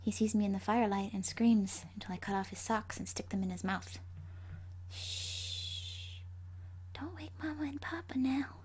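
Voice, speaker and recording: A woman voicing the gleefully vengeful ghost of a five-year-old girl in a horror story, hushed and haunting, breathy, often slipping into a whisper. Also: mid-range voice, natural voice. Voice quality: breathy, husky. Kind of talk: first-person horror story narration.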